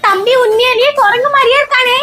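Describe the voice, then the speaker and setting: Woman playing a whiny scheming kid girl, very high and squeaky, music bed. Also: quick pace, sharp tone. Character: mischievous young girl, lazy and scheming. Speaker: daughter Monika. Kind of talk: comedy skit dialogue.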